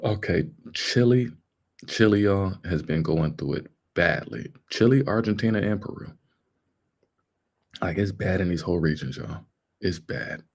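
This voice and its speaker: A man's voice: low-pitched, expressive, moderate pace, gravelly, breathy edge. A man giving casual, emphatic live commentary in colloquial, repetitive phrasing. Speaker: livestream host commenting on a video.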